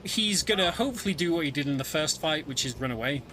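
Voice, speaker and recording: Playing through his own speedrun, a man gives easygoing live commentary that narrates and explains the game's story. He talks fast in an expressive, sharp-toned voice that leans high. Soft music plays behind him, and the recording quality is low.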